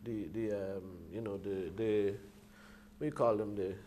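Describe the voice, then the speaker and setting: A man in a casual, reflective discussion, speaking haltingly and searching for his words. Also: lowish voice, fairly even intonation, dark tone, slight background noise.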